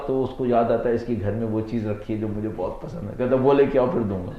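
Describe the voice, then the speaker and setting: A man with a Pakistani Urdu accent giving a religious lecture as a cleric, telling anecdotes slowly and asking rhetorical questions. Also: mid-range voice. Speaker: Shia cleric. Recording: echoey, dull lo-fi lecture recording.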